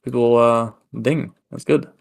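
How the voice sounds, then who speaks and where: Gravelly British man in voice chat. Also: medium pitch, steady tone. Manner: laughs often, gives quick in-game directions. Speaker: gamer in group voice chat. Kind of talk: casual gaming banter.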